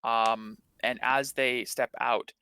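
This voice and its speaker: A man narrating as game master, relaxed and hesitant, with many fillers. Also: medium pitch, slow pace, smooth, dry recording.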